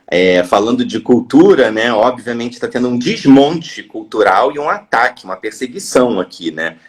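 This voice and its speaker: A man hosts a live online chat over a video call, his voice at a middle pitch. He talks quickly in a friendly, chatty way and keeps checking in with short tag questions. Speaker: host. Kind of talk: casual live-stream chat.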